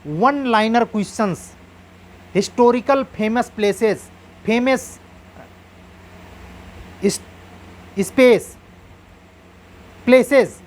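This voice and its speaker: A man's voice: very high voice, drawn-out words, long pauses. A man coaching exam candidates in an earnest, advising lecture, drawing on proverbs.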